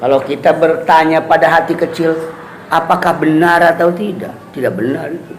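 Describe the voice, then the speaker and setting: A man's voice: on the high side, moderate pace. A man giving a casual religious lesson to students, chatty, often asking "right?" and acting out quoted voices. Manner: chatty, asks "ya kan?" often, acts out quoted voices with laughs. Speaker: Islamic teacher giving a kitab study. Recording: echoey room with faint ambient noise.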